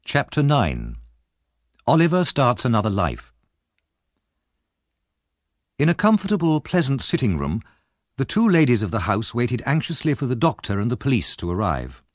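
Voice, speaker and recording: Reading a story aloud, a male audiobook narrator lets his pitch rise and fall with great expressiveness. His delivery is measured and dramatic, captured close-up and dry with no room sound at all.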